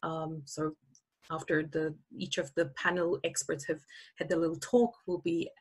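Hosting an online summit via webcam on a video call, an Austrian woman, not an English speaker, gives a chatty webinar presentation packed with fillers from an indoor room. Her voice sits low and sounds slightly rough, with a level tone and moderate pace.

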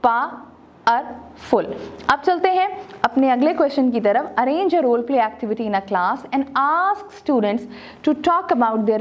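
A young woman teaching a textbook video lesson, switching between Urdu and English and stretching words out syllable by syllable to show pronunciation. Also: on the high side.

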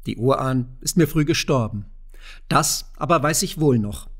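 A man voicing a poor, frail old widow who speaks softly and mildly. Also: medium pitch, normal speed, close to an everyday voice. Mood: gentle. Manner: soft, mild, secretive.

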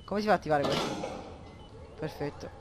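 Panicky swearing gamer. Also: male voice, a little high, fairly quick, over music. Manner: panicky, swearing, bursts into yelling. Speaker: gameplay commentator. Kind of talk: horror game let's play commentary.

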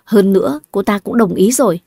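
A woman voicing a sharp-tongued, scheming older wife who nags her husband with cutting retorts. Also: medium pitch, vocal fry, slightly rough, no echo, studio quality. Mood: scornful. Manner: cutting, nagging, quick retorts.

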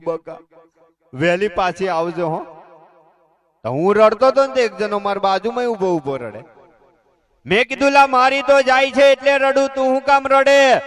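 Stand-up comic, male, Gujarati accent, high pitch, folksy storyteller who does the other characters. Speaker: comedian and stage host. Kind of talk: live stand-up joke telling.

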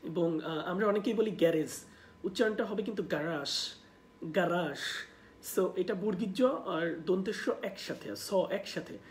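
A teacher with a Bangladeshi accent leads a live online class through a livestream camera mic. Explanations come at a quicker clip, and each model word is drawn out slowly for viewers to repeat. The voice sits at a mid pitch, with a faint background hum. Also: a little mellow. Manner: slow, stretched model words between quicker explanations. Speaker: English pronunciation teacher.

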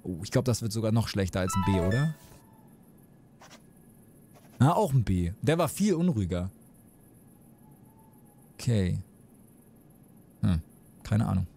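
A man's voice: lowish voice, big pitch swings, unhurried, creaky, long pauses, music in the background. A man casually commenting as he plays a game live, chatty and wondering aloud. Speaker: streamer. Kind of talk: casual let's play commentary.

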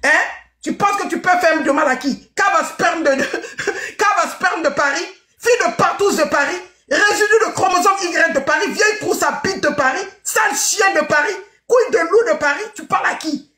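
A woman hosting a live stream, shouting scornful insults with mocking laughs. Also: extremely high pitch, normal speed, reverberant.

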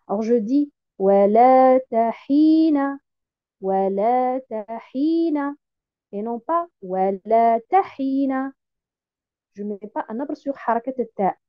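A woman trainer giving a lesson on reciting the Quran, repeating example words slowly and contrasting them, with many hesitations. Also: a little high, no echo, highs cut off. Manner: frequent hesitations with euh. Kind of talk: lecture explaining pronunciation.

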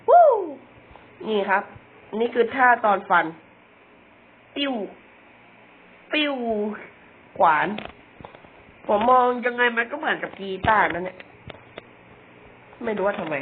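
A young man giving casual, chatty commentary on a video game, joking about himself and often repeating words. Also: extremely high pitch. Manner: chatty, self-mocking, stumbles and repeats words. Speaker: gamer. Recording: tinny phone-like audio with faint noise.

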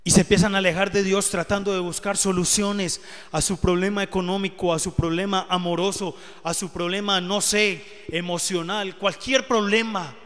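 High-voiced man preaching in a reverberant hall. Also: fairly even intonation, normal speed, fairly bright tone. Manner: earnest testimony, rising to emotional emphasis. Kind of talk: sermon. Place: church hall. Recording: live church hall with long reverb.

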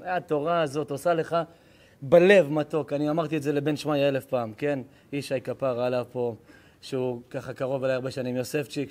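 A man's voice: medium pitch, darkish tone. A man, a rabbi, giving a live Torah lesson to an audience, bantering affectionately with the crowd and turning heartfelt when he speaks of faith.

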